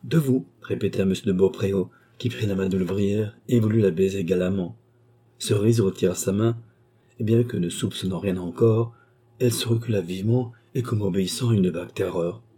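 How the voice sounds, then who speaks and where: A man narrating a classic novel as an audiobook, in a measured, dramatic reading. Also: low voice, fairly even intonation, mellow, breathy edge.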